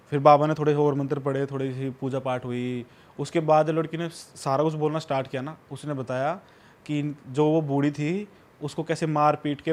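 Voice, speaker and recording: A man's voice: on the high side, a little mellow. A man telling a ghost story in a casual, rambling, conversational way as a podcast guest. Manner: rambling, conversational, often says "bhai" and "na".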